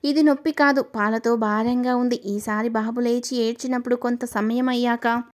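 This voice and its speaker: Woman voicing a caring young husband, soft, reassuring, teasing, slightly high voice, storybook reading. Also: fairly even intonation, normal speed, lightly acted. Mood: gentle.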